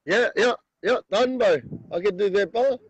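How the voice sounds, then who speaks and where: A man's voice: high voice, normal speed, slightly rough. A man with a broad New Zealand accent talking casually and earnestly as a guest caller, in a brotherly, slangy way. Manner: repeatedly punctuates phrases with "bro". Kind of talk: casual, earnest motivational talk.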